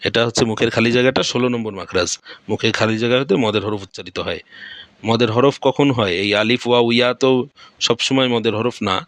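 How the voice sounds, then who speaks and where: A male Quran teacher with a Bangladeshi Bengali accent explains pronunciation points slowly and repeats each one. His voice sits in an ordinary middle pitch. It is recorded close up, dry and without room sound. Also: a bit bright, no echo. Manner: patient, repeats each point and quizzes himself. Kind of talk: step-by-step pronunciation lesson.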